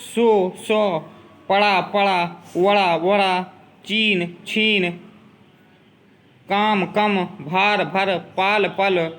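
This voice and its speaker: A man's voice: sits high, steady tone, drawn-out words, fairly bright tone. A man teaching a grammar lesson, carefully saying word pairs one after another to drill pronunciation.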